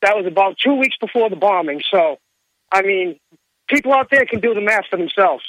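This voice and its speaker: A man calling in to a radio talk show, talking casually in a halting, earnest way. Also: high voice, expressive, a bit bright, no echo, low-quality recording.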